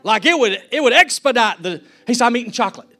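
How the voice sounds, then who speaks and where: A man's voice: extremely high pitch, lively intonation, fast talker, pushed and bright. A man preaching a fervent sermon as a pastor, acting out the people he quotes.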